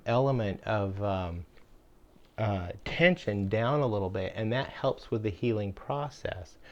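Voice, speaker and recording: A man's voice: lowish voice, darkish tone, dull audio. An older man and homestead channel host telling jokes from his caregiving days in a folksy, rambling way, full of fillers. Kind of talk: casual storytelling.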